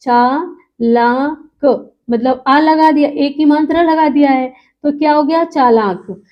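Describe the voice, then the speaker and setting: A woman's voice: sits high, normal speed. A woman teacher giving a lecture, asking the class questions and answering them herself, and stretching out key words for emphasis. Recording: muffled lo-fi recording.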